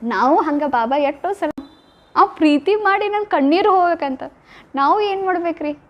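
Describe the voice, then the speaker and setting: A woman's voice: extremely high pitch, expressive, moderate pace. A woman giving a devotional talk, retelling love stories with emotive, acted-out lines. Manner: emotive, acts out quoted lines. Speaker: spiritual speaker. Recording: dull lo-fi recording.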